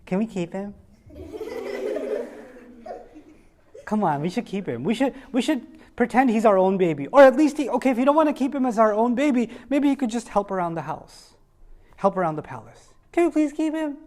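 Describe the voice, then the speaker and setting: A man's voice: very high-pitched, sing-song, moderate pace, long pauses, darkish tone, voice pushed up. A man voicing a queen who is bossy with soldiers and coaxing with her husband, telling a story to children. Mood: pleading. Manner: coaxing, sweetly insistent. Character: bossy pleading queen, a woman.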